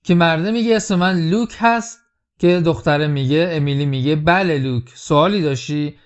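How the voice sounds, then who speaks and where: A man teaching English, who repeats film lines slowly and explains them step by step. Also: on the high side, lo-fi sound.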